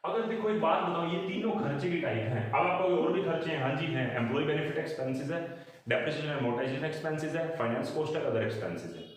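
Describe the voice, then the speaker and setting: A man teaches accounts in a lively voice, and his pitch swings up and down as he quizzes students and then answers for them. He sits a bit back from the mic in a very echoey room. He mixes with terms. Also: fairly quick, recorded from a distance. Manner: explanatory, asks students questions and answers them. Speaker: commerce teacher. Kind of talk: explaining accounts in a recorded lesson.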